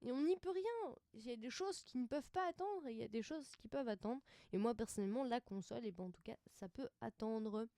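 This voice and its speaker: A woman's voice: a little high, expressive, a little fast, hardly any pauses, mellow, no echo, studio quality. A woman hosting a casual web radio show, rambling and hesitant with many fillers and easy laughs. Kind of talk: casual live radio chat.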